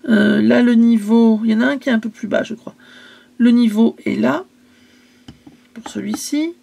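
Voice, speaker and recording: A woman's voice: a little high, steady tone, normal speed, vocal fry, dark tone. A woman casually selling her craft supplies in a vlog, chatty and hesitant, stumbling over English product names.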